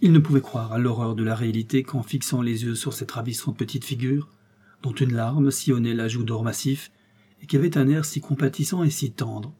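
Husky, dark-voiced male storyteller. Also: mid-range voice. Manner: measured, expressive storytelling. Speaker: narrator. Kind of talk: audiobook reading of a classic tale.

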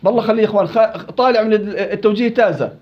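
A high-pitched man runs a quick-fire recitation lesson, calling on students by name and teasing them along. The recording is dull and lo-fi. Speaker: Quran recitation teacher. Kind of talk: interactive classroom lesson.

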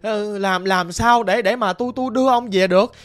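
A woman's voice: medium pitch, fairly quick, no room sound, natural voice. A woman voicing a tearful middle-aged aunt pleading with a ghost, asking repeated questions. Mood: anxious. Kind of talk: ghost story narration.

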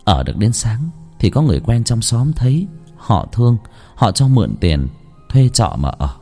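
A man's voice: mid-range voice, big pitch swings, moderate pace, dark tone, soft background music. A man narrating a first-person horror story in an emotional, dramatic storytelling manner.

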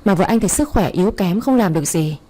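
Woman voices a scheming fifty-something man, smug and gloating, mellow. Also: mid-range voice, lively intonation, a little fast, natural voice. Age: 50s. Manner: gloating, taunting. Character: scheming middle-aged man, gloating villain.

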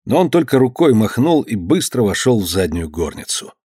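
Male narrator, literary audiobook, calm, mid pitch, dry close sound. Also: moderate pace, breathy edge, no echo.

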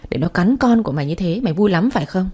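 A woman's voice: lowish voice, expressive, fast talker, mellow, slightly rough. A woman voicing a doting old grandmother who scolds fiercely to defend her grandchild, in a spoken story. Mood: scolding.

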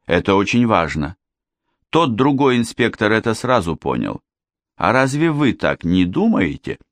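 A man's voice: fairly low pitch, big pitch swings, unhurried, dry recording, voice pushed up. A man voicing a melodramatic young woman. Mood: insistent. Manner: melodramatic, insistent. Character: theatrical young woman, dramatic and pleading.

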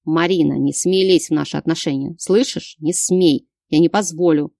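A woman's voice: sits low, moderate pace, warm tone, no echo, studio quality. A woman reading an audiobook, voicing a stern young husband who growls clipped commands. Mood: commanding.

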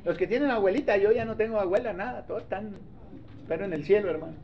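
A man's voice: high-pitched, quick pace, gravelly, slight background noise. A male pastor giving a conversational sermon, often asking his listeners to agree and acting out short dialogues, in a dull lo-fi recording. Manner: acts out little dialogues.

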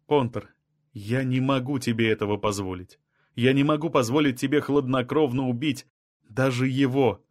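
A man's voice: medium pitch, normal speed, no echo, studio quality, natural voice. A male reader voicing an anxious, insistent woman scientist who keeps pressing with questions. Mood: pleading.

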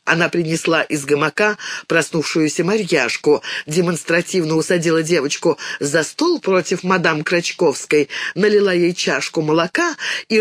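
An audiobook reader narrating a children's story in a lively, expressive way. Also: mid-range voice, dry recording, clean studio sound.

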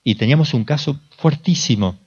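A priest from Argentina giving an informal talk, mid-pitched, chatty, quizzing his listeners and acting out little exchanges. The recording sounds dull and lo-fi. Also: animated, brisk, darkish tone, husky. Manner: conversational, asks the audience questions, acts out dialogues.

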